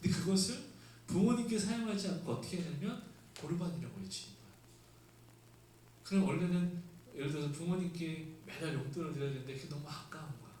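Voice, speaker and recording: Man, pastor, conversational sermon, rhetorical questions, slightly high voice, heavy room echo. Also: expressive, fast, mellow. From South Korea. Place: church sanctuary. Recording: echoey room, mic at a distance, faint hiss.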